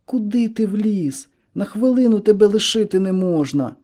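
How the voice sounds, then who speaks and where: A man's voice: a little high, big pitch swings, moderate pace, dark tone, pitched above the performer's own voice. A man voicing an indignant teenage boy who argues urgently and keeps pressing his case. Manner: urgent, arguing.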